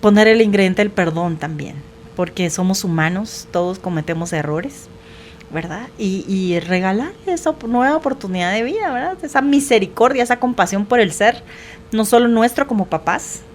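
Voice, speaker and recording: A woman's voice: mid-range voice, moderate pace, a little hiss or hum. A woman, a guest counselor giving advice in conversation, explaining patiently and often checking in with her listener. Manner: earnest, explains patiently, often asks "verdad?".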